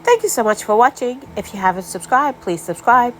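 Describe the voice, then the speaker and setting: A woman's voice: on the high side, big pitch swings, a little fast, fairly bright tone, soft background music. A woman vlogging casually as she tastes her baking, chatty and prone to fillers and trailing off. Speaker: homesteading vlogger. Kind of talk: casual cooking vlog.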